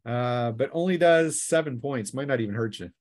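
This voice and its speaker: A man with a mid-range, slightly dark voice speaks at a normal pace and sounds animated. He's running a tabletop role-playing game as game master, narrating casually off the cuff while acting out sound effects and cries.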